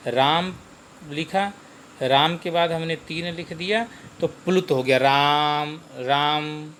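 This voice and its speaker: A man giving a Hindi grammar lesson, slow and repetitive, posing questions to the class and answering them himself. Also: a little high, fairly bright tone, a little hiss or hum.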